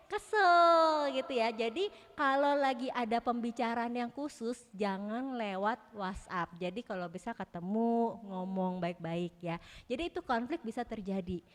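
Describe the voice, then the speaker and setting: A middle-aged woman giving a chatty, playful talk to a church youth group, talking straight to the audience. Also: fairly high pitch. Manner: chatty, playful, laughs often, talks to the audience. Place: church hall. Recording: reverberant hall.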